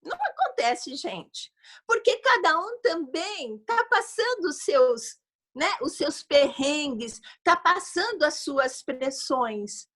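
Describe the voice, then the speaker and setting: A Brazilian Portuguese-accented woman giving advice as a guest expert over a video call, lively and speaking straight to her audience. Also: sits high, takes it slowly. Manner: lively, addresses the audience directly and often. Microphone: video call microphone.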